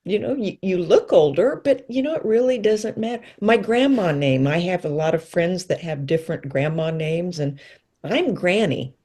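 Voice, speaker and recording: Woman, sixties, mellow low-ish voice, chatty guest who acts out the lines she quotes. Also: moderate pace. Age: 60s. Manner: lively storyteller, acts out quotes with pitch leaps. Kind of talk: casual interview chat.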